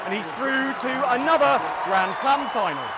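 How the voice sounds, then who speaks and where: A man giving excited live sports commentary on a match. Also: very high-pitched, normal speed. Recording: loud crowd roar, very noisy.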